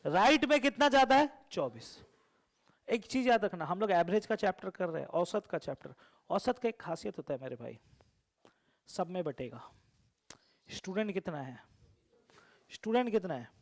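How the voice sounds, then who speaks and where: A man teaching a math lesson to a classroom. He keeps quizzing and teasing the students with repeated questions. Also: high voice. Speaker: coaching teacher.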